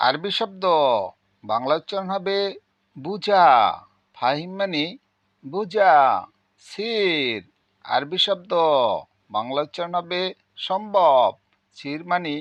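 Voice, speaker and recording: A man teaching vocabulary, slowly repeating each word and its meaning in a drilling lesson. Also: high voice, expressive, fairly bright tone, no echo. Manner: slow, repetitive drilling of words and meanings. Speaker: language teacher. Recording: dull lo-fi sound, dry.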